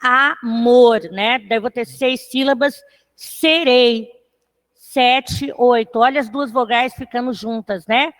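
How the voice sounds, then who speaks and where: High-voiced teacher woman. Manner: talks to students, with a tag question after most phrases; counts syllables aloud slowly. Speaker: literature teacher. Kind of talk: online class lecture.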